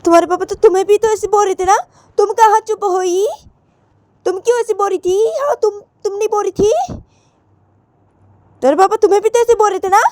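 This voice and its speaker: A woman's voice: very high voice, fairly quick, long pauses, a little mellow, dry recording, pitched above the performer's own voice. A woman doing a bossy, nagging mother. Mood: scolding. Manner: nagging, ordering, repeats threats. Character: bossy scolding middle-aged mother.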